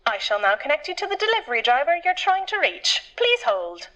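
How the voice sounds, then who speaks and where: A high, sing-song officious phone clerk. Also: female voice, sing-song, a little fast, fairly bright tone, low-quality recording. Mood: officious, teasing. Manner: officious and teasing. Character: cheeky female phone clerk and truck driver.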